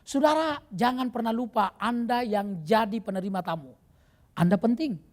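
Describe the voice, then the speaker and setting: A male pastor preaching an animated sermon in a church, breaking into bursts of shouting. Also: extremely high pitch, normal speed.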